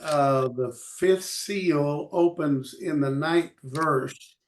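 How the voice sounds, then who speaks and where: A man teaching a Bible study in short phrases, pausing for an interpreter, halting with many fillers. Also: a little high, slight background noise.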